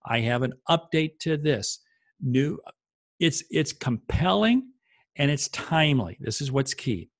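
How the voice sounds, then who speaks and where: Speaking into a desk mic at close range, this man in his fifties, a sales coach who also hosts videos, delivers an emphatic instructional talk in brief, punchy lines from his small home office. His voice is a little high with some vocal fry, and the recording is dry.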